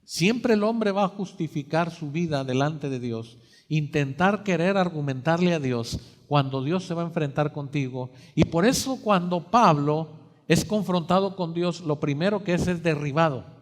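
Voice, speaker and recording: A man preaching a sermon, dramatic and full of rhetorical questions to the congregation, swinging between soft and loud. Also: fairly high pitch, lively intonation, normal speed. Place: church sanctuary. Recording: long church reverb.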